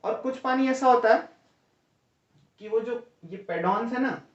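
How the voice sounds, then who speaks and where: A man's voice: very high-pitched, a little slow. A male teacher giving an exam-prep lecture, explaining step by step and often checking in with "है ना?" and "ठीक है?", calling students "भैया". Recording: roomy, distant, dull lo-fi sound.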